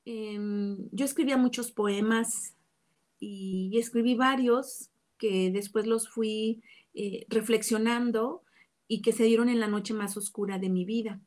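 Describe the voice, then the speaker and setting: A woman's voice: on the high side, fairly even intonation, measured pace, a little mellow. A woman from Mexico gives an earnest, reflective personal religious testimony, with small restarts. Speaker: testimony speaker.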